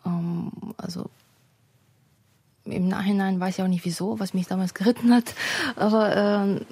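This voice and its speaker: A woman from Ukraine who grew up speaking talks slowly about her views, pausing often on fillers and restarting words. Her voice is husky and gravelly, darkish in tone and fairly flat in melody. The sound is dry and close. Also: mid-range voice, no room sound. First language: Russian. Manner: hesitant, many fillers and restarts. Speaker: writer, interview guest. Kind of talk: reflective interview answers.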